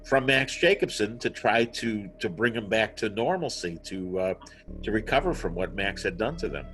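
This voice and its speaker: Guy telling a story with lots of energy over a video call, soft music in the back. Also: lowish voice, normal speed, poor audio. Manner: animated storyteller, acts out quotes. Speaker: guest author. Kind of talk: conversational storytelling.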